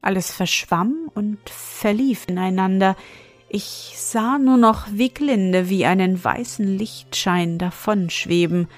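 Female storyteller, slow measured fairy-tale reading, faint music behind. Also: medium pitch.

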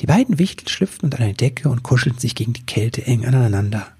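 Very husky male storyteller. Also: medium pitch, quick pace. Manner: calm, expressive storytelling. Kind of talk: children's story reading.

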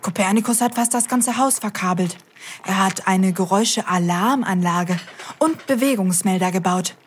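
A woman's voice: mid-range voice, normal speed, slight background noise. A woman hosting a scripted children's audio show, cheerfully talking straight to the kids.

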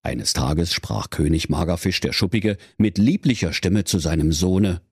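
A man's voice: sits low, lively intonation, unhurried, breathy edge, no echo, clean studio sound. A man narrating a comic radio fairy tale in a mock-solemn storytelling manner.

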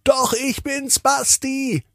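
A man voicing a cheerful toddler boy in a bedtime story, calling out in a high voice. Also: level tone, slow pace, a bit bright, no echo, clean studio sound, exaggerated voice. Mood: calling cheerfully.

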